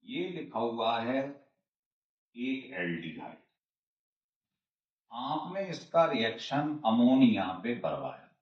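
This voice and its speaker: This chemistry teacher speaks at medium pitch with wide swings in intonation, moving slowly and pausing often. In his classroom lecture he repeats every step and answers his own questions, captured on a distant, dull, roomy-sounding recording.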